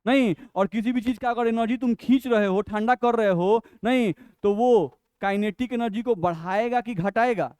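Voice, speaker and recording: Male teacher, Bihari Hindi accent, high clear voice, patient step-by-step explainer, dry close recording. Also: darkish tone, no echo. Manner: explains step by step, asks and answers his own questions; reads English definitions slowly and deliberately. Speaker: chemistry teacher. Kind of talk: classroom lecture.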